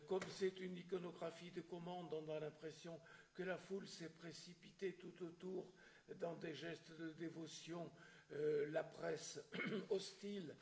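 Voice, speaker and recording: A man giving a history lecture in French, hesitant and full of filler sounds and restarts, often clearing his throat. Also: fairly high pitch, a little mellow. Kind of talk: public lecture with questions.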